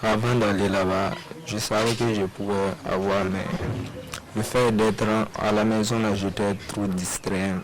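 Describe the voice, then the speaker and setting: A young man giving a plain, halting interview, thanking those who helped him. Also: lowish voice, little pitch movement, very noisy. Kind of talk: interview statement.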